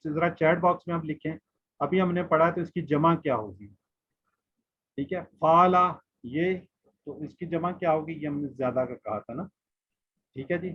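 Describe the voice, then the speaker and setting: A man's voice: on the high side, husky. A man teaching a Quran class online, patiently drilling letters and word forms and asking his students questions. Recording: muffled lo-fi online class audio.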